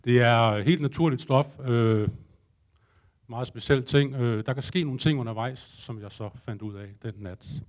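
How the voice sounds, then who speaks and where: A man spins a comic first-person tale for a live audience in a loose, conversational way. He throws himself into his own panic and inner thoughts, and his speech is peppered with casual swearing. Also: medium pitch. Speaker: storyteller addressing a live audience.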